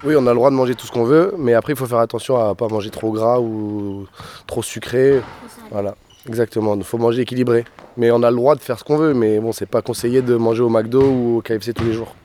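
A young basketball player talks fast and chattily in an interview. His tone is mellow and a little dark. Faint noise sits behind him. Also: medium pitch, steady tone. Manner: quick, chatty. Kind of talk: interview answers.

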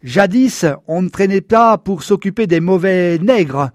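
Brief: a loud, sneering, menacing mob ringleader, played by a male narrator, raised pitch, dry close sound. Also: animated, normal speed, no room sound.

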